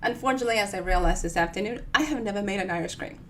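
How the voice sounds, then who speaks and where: Talking very fast with a fairly bright, medium-pitched voice, this Dominican author keeps her livestream storytime casual and playful. There's slight background noise.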